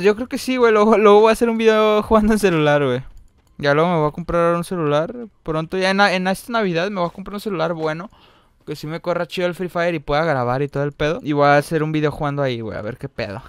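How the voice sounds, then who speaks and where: A young man with a Mexican Spanish accent giving casual gameplay commentary, full of slang and breaking into loud excited yelling. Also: a little high, quick pace, smooth, dry recording. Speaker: gaming streamer.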